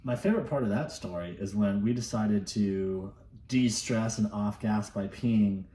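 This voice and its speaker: Relaxed male vlog co-host with dry asides; recorded in an echoey room with a faint background hiss. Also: lowish voice, unhurried, recorded from a distance. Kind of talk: casual storytelling.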